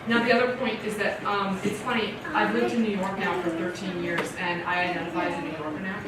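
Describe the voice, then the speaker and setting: A Canadian woman gives a casual question-and-answer talk to an audience in a library meeting room, talking fast at a medium pitch. She is chatty and animated, often laughing and acting out her own reactions. The audio is echoey and distant, with loud room noise.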